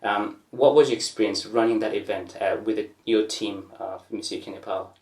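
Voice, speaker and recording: A man's voice: fairly low pitch, fairly even intonation, moderate pace, a little mellow. A man hosting a casual interview, friendly and hesitant with many fillers. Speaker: host. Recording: roomy, distant mic.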